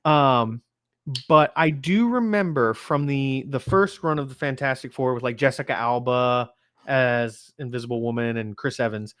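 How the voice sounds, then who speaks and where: This Bahamian man's mid-range voice has a clean tone, captured in clean studio sound with no echo. He's casually chatting in a film review at a moderate pace, an animated storyteller who acts out quotes as he goes.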